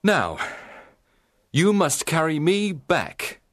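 A man's voice: a little high, sing-song, extremely slow, a bit bright, no room sound, clean studio sound, voice pushed up, full character voice. A man voicing a thin but strong young outlaw leader who is bold and friendly, with a confident, commanding tone in a storybook reading.

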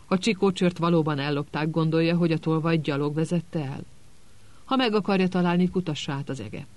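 Egy férfi megszólaltatta idős, bölcs igazgató egy hangoskönyvből, megfontolt és derűs. Nyugodt tempóban beszél, csendes humorral. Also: male voice, a little high, lightly acted. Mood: calm. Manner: calm, unhurried. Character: calm, wise, gently amused old headmaster.

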